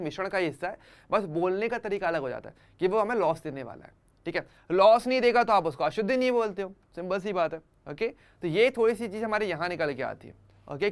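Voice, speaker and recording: A man's voice: sits high, smooth. A man teaching an online chemistry class for exam students, conversational, using everyday examples and often checking that students follow.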